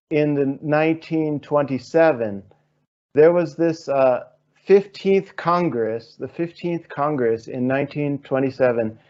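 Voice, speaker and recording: A man's voice: medium pitch, darkish tone, dull audio. A man hosting an interview, posing long, searching questions and thinking aloud with fillers. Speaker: interview host.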